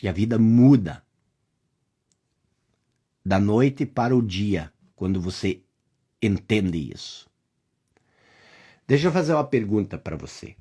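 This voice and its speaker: Low-pitched and husky yet animated, a Brazilian-accented course teacher takes the reflective lesson slowly, pausing often. The teacher speaks straight to the listener, repeats rhetorical questions, and sometimes drops to a hush.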